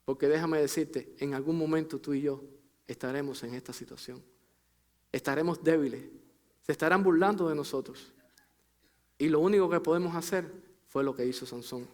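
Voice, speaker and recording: A male pastor delivers a sermon in a fairly high voice. He speaks straight to his congregation as brother and sister. His phrases build with emphasis, then sink low and quiet as each thought closes. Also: normal speed, pauses often. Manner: preaching with rising emphasis and drops to a low, soft close on phrases.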